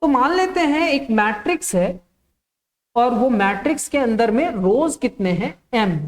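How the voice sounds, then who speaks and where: Slow, patient woman teaching maths. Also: on the high side, lively intonation. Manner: asks the class questions and answers them herself, repeating key terms; slow, step-by-step dictation. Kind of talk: classroom maths lesson.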